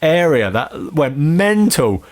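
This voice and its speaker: A man's voice: on the high side, very animated, slow pace. A British man hosting a podcast, chatting casually, swearing freely and laughing as he tells a gig story. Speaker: podcast host. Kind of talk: casual chat.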